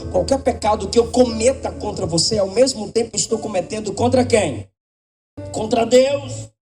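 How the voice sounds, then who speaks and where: Impassioned Brazilian pastor, distant mic. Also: male voice, high-pitched, normal speed, soft background music. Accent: Brazilian Portuguese. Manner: impassioned preaching with sudden swings between loud and soft. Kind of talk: sermon. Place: church.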